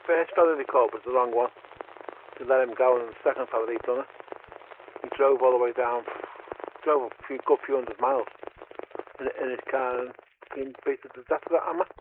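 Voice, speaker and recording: A man's voice: mid-range voice, fairly even intonation, fairly quick, pauses often. Man ranting over CB radio. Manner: ranting, swears heavily. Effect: heard over a CB radio. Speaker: CB radio caller. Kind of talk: casual chat. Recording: tinny CB radio with faint static.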